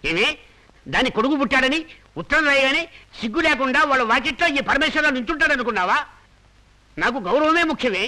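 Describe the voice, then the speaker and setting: A proud, stern older father in a film drama. The voice sits very high and sounds sharply bright. The delivery is quick and emphatic. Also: lively intonation, exaggerated voice, rough recording. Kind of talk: dubbed film acting.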